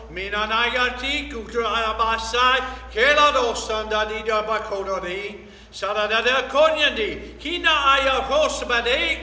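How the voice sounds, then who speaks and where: A bright, high-voiced man pouring out rhythmic, repeating syllables in an echoing church hall. The sound rings with a long reverb. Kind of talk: speaking in tongues during worship. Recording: echoey hall.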